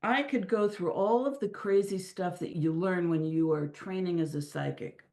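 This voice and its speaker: A middle-aged woman talking as an interview guest, telling stories in an animated way with frequent restarts. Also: on the low side, normal speed. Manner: animated storyteller with many restarts. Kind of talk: casual interview talk. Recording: echoey room.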